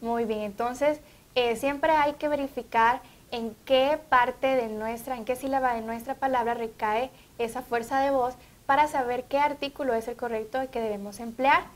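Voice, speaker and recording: A woman's voice: fairly high pitch, fairly even intonation, moderate pace. A woman with a Honduran Spanish accent, co-hosting an educational TV show, who reads out viewers' questions in an announcing tone. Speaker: TV co-host. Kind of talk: educational TV talk.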